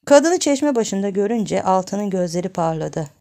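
A woman narrating a short story in a calm, even storytelling voice. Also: medium pitch, moderate pace. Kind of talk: storybook reading.

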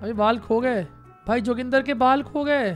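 A young man giving casual, joking gameplay commentary as a gaming YouTuber, excitable and repeating phrases in quick bursts. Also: very high-pitched, faint music behind.

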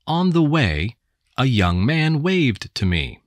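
An American woman reading English textbook passages aloud with careful, deliberate enunciation. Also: extremely low pitch, big pitch swings, dry recording, clean studio sound. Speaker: English text reader. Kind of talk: slow scripted textbook reading.

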